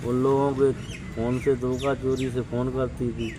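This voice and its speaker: A grieving middle-aged father from Madhya Pradesh speaks in a flat, even tone with little rise or fall. Loud traffic noise fills the street around him. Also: medium pitch, normal speed. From Bhind, Madhya Pradesh, India. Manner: subdued, grieving. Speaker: victim's father. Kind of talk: street interview. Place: outdoors by a road.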